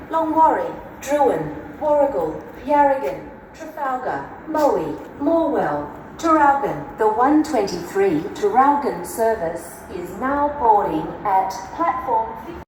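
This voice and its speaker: A woman making a slow, measured announcement over a station loudspeaker, reading out stops one by one. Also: on the high side, recorded from a distance. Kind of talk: public address announcement. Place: railway station platform. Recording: echoey loudspeaker heard from afar with noise.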